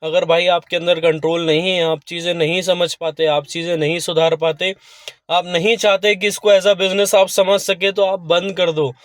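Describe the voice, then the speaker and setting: A man's voice: high-pitched, little pitch movement, moderate pace, no echo, clean studio sound. A man vlogging from his car, talking earnestly and pleading again and again with his viewers. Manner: pleading, repetitive, appeals to "bhai" and "dosto". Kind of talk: earnest talk to camera.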